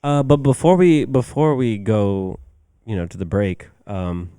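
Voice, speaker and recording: A man's voice: fairly low pitch, fairly even intonation, a little slow, mellow, clean tone. A man hosting a podcast in casual chat, swearing freely and laughing as he tells stories. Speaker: podcast host. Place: bar.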